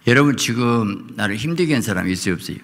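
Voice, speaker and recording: A male pastor preaching a sermon at a prayer meeting, dropping to quiet asides and rising to loud fervent cries as he acts out prayers. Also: mid-range voice, animated, fast. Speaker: senior pastor. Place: church sanctuary. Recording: long hall reverb.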